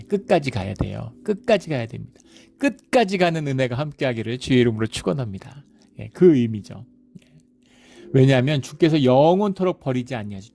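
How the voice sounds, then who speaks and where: A man's voice: medium pitch, darkish tone. A middle-aged male pastor preaching a sermon in a conversational way, often adding little fillers and acting out everyday voices.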